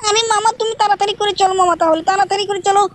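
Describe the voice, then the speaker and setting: Woman doing a squeaky, whiny cartoon kid, high and flat, rattling off pleas fast. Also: a little hiss or hum. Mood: pleading. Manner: fast pleading, ends lines with "mama". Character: whiny little boy cartoon nephew. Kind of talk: game role-play commentary.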